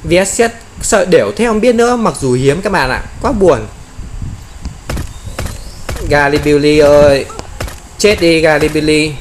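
A man giving excited gameplay commentary, often exclaiming and playfully taunting enemies. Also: fairly high pitch, normal speed, a little hiss or hum.

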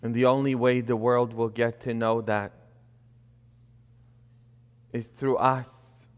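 This middle-aged priest delivers his sermon from the pulpit slowly and flatly, in a clear, resonant mid-range voice, while still building emphasis and slipping in rhetorical questions. The indoor sanctuary setting, captured by a fixed camera at a distance, leaves a long church-hall reverb on the recording.

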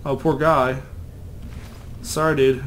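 A man's voice: mid-range voice, level tone, slow, a bit bright. A young man casually commenting as he plays a video game, chatty and rambling, with faint noise behind him. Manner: chatty, rambling, self-deprecating. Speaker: let's play gamer.

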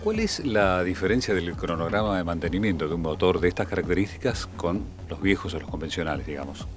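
A man, hosting a boating show, interviewing guests and listing boat specs in a measured way. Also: deep voice, lively intonation, over music. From Argentina. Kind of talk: interview and presenting.

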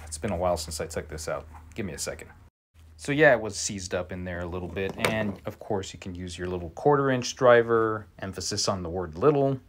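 A fairly low-pitched man talks through a casual tool review. He keeps it relaxed and slips in wry, joking asides as he goes. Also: brisk, slight background noise.

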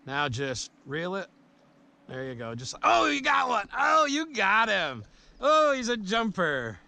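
In a casual fishing vlog filmed by an action camera mounted on a small river boat, a middle-aged man coaches a boy with easygoing encouragement. His high-pitched, sharp voice carries vocal fry and wildly swooping pitch, and he speaks unhurriedly. There is no room sound, only faint outdoor noise from the boat camera.

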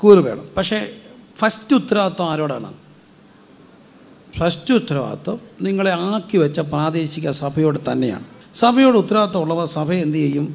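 High, gravelly Malayali pastor preaching. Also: male voice. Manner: call-and-response preaching, asks the congregation questions and has them repeat. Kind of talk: sermon.

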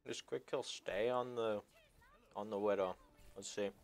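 A man's voice: lowish voice, fairly even intonation, a little slow, creaky. A young man casting an esports match, explaining the game in an analytical way while he chews his food. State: talking while chewing food. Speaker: esports caster.

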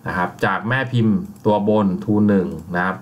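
A man teaching a software tutorial, calmly explaining each step with frequent polite fillers. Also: low-pitched, normal speed, highs cut off. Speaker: software instructor. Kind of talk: screen-recorded software tutorial.

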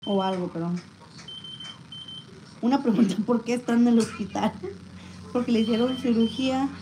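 A woman's voice: a little high, moderate pace. A woman vlogging a family hospital visit, chatting and teasing casually in a mix of Spanish and English. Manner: joking, teasing, playful. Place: hospital room. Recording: hospital room with steady background noise.

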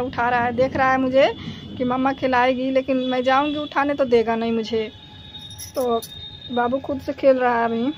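A woman with a high, fairly even voice chats to her viewers about her dog, repeating herself in a casual way. She records outdoors on a phone, with a faint open-air ambience behind her. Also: lo-fi sound, background noise. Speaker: vlogger and dog owner. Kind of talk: casual vlog narration to viewers. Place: rooftop outdoors during thunderstorm. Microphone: phone camera.

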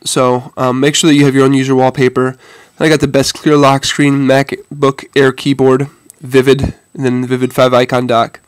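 A man with a stuffy nose and head cold talks viewers through a casual phone demonstration at normal speed, in a level, mid-range voice with hardly any pauses. He's hesitant and informal, saying "guys," and the congested voice comes through in a clean tone with no echo.

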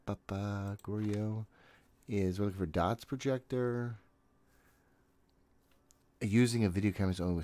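A low-pitched, darkish-toned man in his thirties is streaming a horror game from a small indoor room at home. He talks to himself casually, sounding jittery and exasperated, and swears a lot. He uses a desk microphone and has a headset on.

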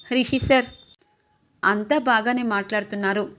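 A woman's voice: medium pitch, steady tone, normal speed, bright, forceful tone, close to an everyday voice. Kind young woman teacher, read by a female narrator, polite, lo-fi sound. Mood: earnest. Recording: dull lo-fi recording.

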